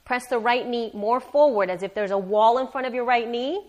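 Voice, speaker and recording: A woman teaching a live yoga class, guiding step by step in a careful, unhurried and encouraging way. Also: a little high, a little mellow. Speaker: yoga instructor.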